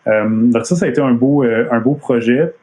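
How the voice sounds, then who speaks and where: Montreal-accented man, chatty, halting. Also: medium pitch, narrow, tinny audio. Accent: Montreal French. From Quebec. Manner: hesitant, many fillers and restarts. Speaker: comic artist giving a talk. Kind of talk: casual live-streamed presentation. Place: at home. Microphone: computer mic on a video stream.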